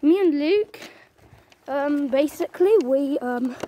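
A high female voice chats and rambles, often restarting her sentences. She speaks into a handheld phone camera while walking outdoors at night. A faint background noise sits under her voice. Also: lively intonation, slow pace, mellow. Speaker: vlogger. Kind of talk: casual vlog.

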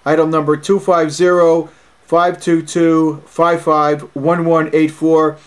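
A middle-aged man giving casual video commentary as an autograph collector, blunt and indignant, reading long item numbers out slowly. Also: fairly high pitch, little pitch movement, clear, resonant tone.

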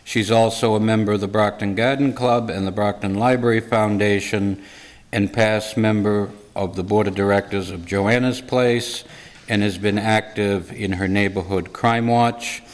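An older man in his sixties introduces a speaker, reading slowly from notes and filling pauses with uhs. His voice is fairly low. A long hall reverb trails his words. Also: fairly even intonation. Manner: unhurried, with many uhs between phrases. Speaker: series organizer and local historian. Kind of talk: announcements and a reading of a guest introduction. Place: church hall stage before a red curtain. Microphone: stand microphone at a lectern.

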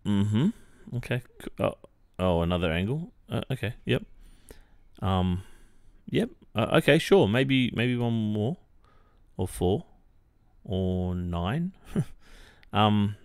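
An Australian ASMR roleplay performer plays an awkward, polite young college football captain in a one-sided, improvised-sounding boyfriend roleplay. His fairly low, smooth voice is hesitant and halting, with many pauses and soft awkward filler, and he sounds amused and bemused. The recording is clean studio sound with no echo.

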